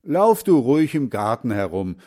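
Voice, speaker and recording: A man voicing a kindly old grandfather who is hard of hearing, speaking loud and slow in a storybook reading. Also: medium pitch, big pitch swings. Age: older.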